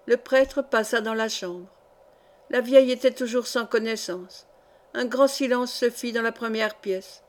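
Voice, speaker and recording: Woman reading a classic story out loud, steady measured voice, a bit high. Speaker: audiobook narrator. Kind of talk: literary audiobook narration.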